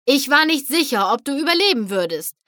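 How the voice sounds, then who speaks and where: A woman's voice: sits high, sing-song, brisk, sharp tone, no echo, clean studio sound, pitched above the performer's own voice, exaggerated voice. A woman voicing a gloating, taunting villain in a storybook reading, mocking her listener.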